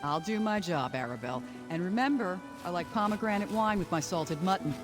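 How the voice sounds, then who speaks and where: An actor playing a gruff old sea dog, a surly fisherman in a video game. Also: high voice, animated, brisk, music in the background. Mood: gruff, brusque. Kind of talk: video game character dialogue.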